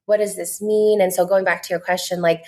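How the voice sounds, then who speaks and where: She speaks briskly in a low, slightly mellow voice with fairly even intonation. The American content creator, in her 20s, is a podcast guest chatting earnestly and casually, with frequent "like" fillers.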